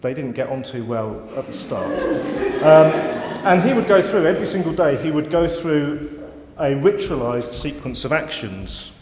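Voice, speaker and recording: A man's voice: fairly high pitch, animated, moderate pace, few pauses, a crowd in the background. A man giving a live lecture, wry and self-mocking, with rambling asides. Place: lecture hall. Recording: roomy hall reverb, faint ambience.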